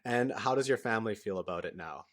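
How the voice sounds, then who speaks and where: A man's voice: lowish voice, expressive, quick pace, fairly bright tone. A man hosting a casual podcast interview, a native Flemish speaker, asking curious questions and laughing easily. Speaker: podcast host.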